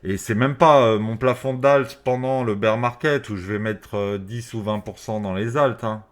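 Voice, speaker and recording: Slangy low-voiced man talking through a face mask. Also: normal speed. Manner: informal, slangy, swearing. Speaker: crypto trading video host. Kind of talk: casual off-the-cuff market commentary to viewers.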